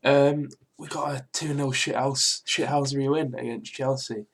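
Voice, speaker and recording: A young British man with a sore throat talking quietly but clearly in a casual, rambling, sweary football reaction vlog. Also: mid-range voice, steady tone, normal speed. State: mildly ill with a sore throat. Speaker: football fan video host.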